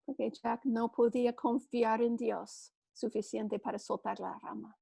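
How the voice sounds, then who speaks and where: Woman Bible teacher, high voice, slow and earnest, dry close sound. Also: steady tone, creaky, warm tone, slightly rough, no echo. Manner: earnest, storytelling, with small restarts. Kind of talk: church women's class teaching.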